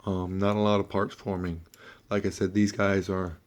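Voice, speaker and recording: Low, flat-toned sick man reviewing toys. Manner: offhand, halting, mildly sweary. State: sick, under-the-weather voice. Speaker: toy reviewer, host. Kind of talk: casual hands-on toy review, talking through steps.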